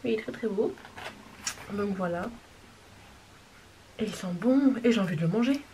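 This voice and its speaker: A woman showing off a makeup haul in a casual, gushing way, sometimes dropping to a soft whisper. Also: mid-range voice, expressive, moderate pace. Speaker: beauty vlogger. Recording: distant mic with clear background noise.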